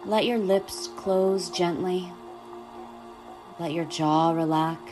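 A woman guiding a meditation in a soft, soothing manner, speaking slowly and gently. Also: lowish voice, fairly even intonation, music in the background, low-quality recording. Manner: soft, slow, soothing delivery. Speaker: podcast host and meditation guide. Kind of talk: guided meditation.

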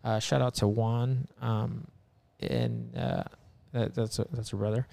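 A man's voice: medium pitch, flat delivery, measured pace, vocal fry, warm tone. A man telling a story as a podcast guest, rambling and full of filler words, swearing a lot, earnest and emphatic. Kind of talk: casual chat.

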